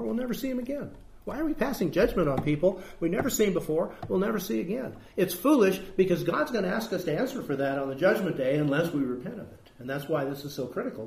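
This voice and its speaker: A man's voice: on the high side, sing-song, fast talker, vocal fry, darkish tone. A man preaching a sermon as pastor, emphatic and putting rhetorical questions to his congregation. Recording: echoey room.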